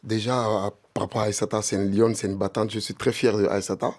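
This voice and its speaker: A man's voice: lowish voice, little pitch movement, fast, a little mellow. A man who founded an entrepreneurship program, speaking eagerly as a radio guest and leaning on fillers. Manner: enthusiastic, filler-heavy, repeats "voilà". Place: radio studio.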